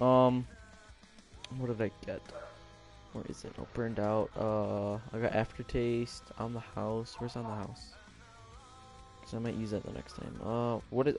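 Excitable young man narrating his gameplay. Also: fairly low pitch, normal speed, creaky, faint music behind. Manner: excitable, swings from mutters to yelling at teammates. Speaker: gamer. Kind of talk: live gameplay commentary.

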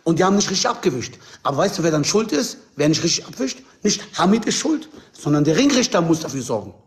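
Guy arguing hard on a live call, high voice swinging up and down, keeps cutting in. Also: big pitch swings, fast talker. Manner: insistent, argumentative, talking over others. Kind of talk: heated argument in a live group call. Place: indoor room, group video call. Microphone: video call on phone or computer.

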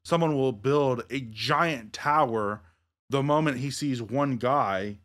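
A man hosting a casual podcast chat, acting out gamers' quotes in a lively way. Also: slow. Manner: animated, acts out gamers' quotes in a higher voice. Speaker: podcast host. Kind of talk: casual chat over beers.

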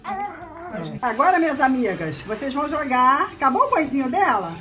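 Female instructor, casual demo, bright and sing-song, coos with diminutives, baby crying behind. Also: high voice, sing-song, fast talker, slight background noise. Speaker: instructor demonstrating baby care. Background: baby crying and music.

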